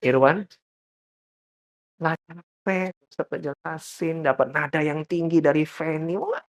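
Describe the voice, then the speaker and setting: Lively man preaching a sermon. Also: normal speed. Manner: lively, rising to high emphatic peaks, addressing the congregation often. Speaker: pastor.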